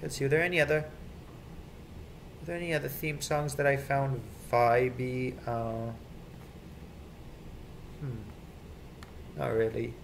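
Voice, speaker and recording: At a measured pace with long pauses, a man with a gravelly, medium-pitched, fairly flat voice rambles through his opinions on children's TV theme songs, often repeating himself. He's a video creator making an off-the-cuff rant, recorded amateurishly at home with some background noise.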